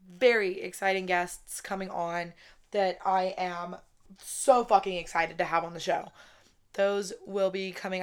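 Hoarse after a weekend wedding, a woman in her twenties chats casually on her own podcast, swearing frequently and filling her talk with "like." Her mid-range voice has a fairly bright tone. She speaks close to the podcast microphone.

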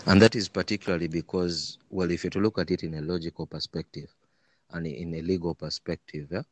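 Very deep-voiced Ugandan East African man. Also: steady tone, fairly quick, no room sound. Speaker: interview guest, human rights lawyer. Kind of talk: conversational interview answers.

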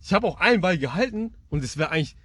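A man's voice: sits high, rapid-fire, husky, no room sound. A young man co-hosting a podcast, telling a story in casual slang and acting out the voices of the people in it. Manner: slangy, animated, acts out voices in his story. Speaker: podcast co-host.

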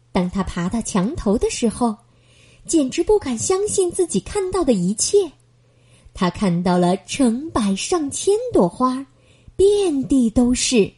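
A woman reading a children's bedtime story aloud in a gentle, expressive manner. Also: sits high, husky.

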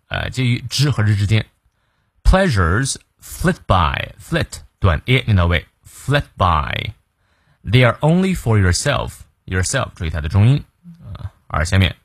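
Lively low-voiced man teaching English. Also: no room sound, studio quality. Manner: lively, drills pronunciation, slow careful English reading. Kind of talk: daily English lesson.

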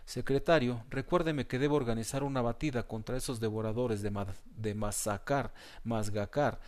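A man's voice: medium pitch, fairly even intonation, fairly quick, lightly acted. A man voicing a pompous male cat who trips over long words and grumbles at being interrupted. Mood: huffy.

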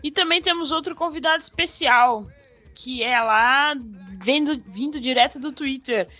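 Woman podcast host from Brazil, somewhat high voice, chatty and informal, casual chat. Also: moderate pace, sharp tone, faint music behind.

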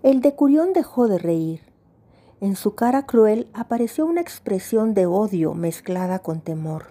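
A woman narrating a story aloud in a calm, measured storytelling manner. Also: medium pitch. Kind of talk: audiobook story reading.

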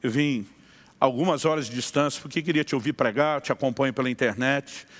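A middle-aged man preaching as a pastor, telling a story with lively acted-out dialogue and frequent laughter. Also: mid-range voice, a little fast. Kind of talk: sermon storytelling.

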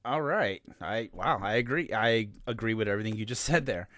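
A man hosting a casual podcast chat, speaking in a hesitant, halting way and laughing easily. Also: lowish voice, a bit bright, no room sound, studio quality. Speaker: podcast host.

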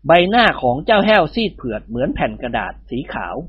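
Narrator, storybook reading, husky voice, lively pitch, dry dull recording. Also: a little fast, no echo.

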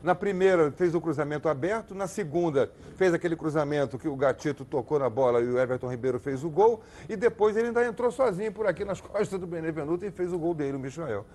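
A man's voice: on the high side, quick pace, few pauses, a little mellow. A man with a Brazilian accent debating football as a TV panel commentator, emphatic and repeating phrases for stress.

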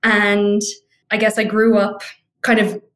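A young Irish woman from Dublin, a guest on a video call, speaking in an articulate, measured way about her life. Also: mid-range voice, completely flat delivery, a bit bright. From Ireland. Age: young adult. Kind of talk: reflective interview storytelling.

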